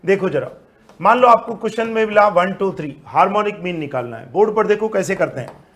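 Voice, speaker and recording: A male statistics teacher, lecturing an online class, lively and asking then answering his own questions. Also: high voice, fairly quick. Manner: mixes Hindi with English terms.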